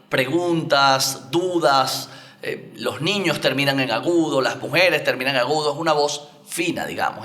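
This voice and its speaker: Bright-voiced man teaching public speaking. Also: mid-range voice. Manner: didactic, gives spoken examples. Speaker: oratory coach and guest. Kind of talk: explanatory interview talk.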